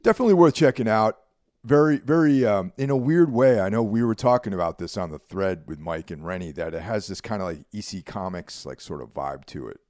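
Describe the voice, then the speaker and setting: A man co-hosting a podcast in casual chat, relaxed and rambling, often asking "you know what I mean?". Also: fairly low pitch, a little fast, dry recording, studio quality. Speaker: podcast co-host.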